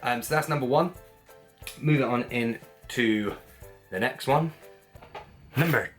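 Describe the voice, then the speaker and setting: A man's voice: medium pitch, takes it slowly, fairly bright tone, soft background music. A man with a Wiltshire English accent, chatting casually to viewers in a rambling, informal, blokey way as a vlogger. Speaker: vlogger, gym owner.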